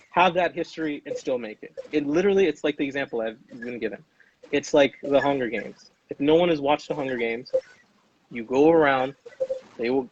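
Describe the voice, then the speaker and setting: A man's voice: a little high, slightly rough, muffled recording. A man speaking as a podcast guest, talking earnestly and emphatically, often checking in with "right?" and calling the listener "dude". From United States. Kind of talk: earnest conversational monologue.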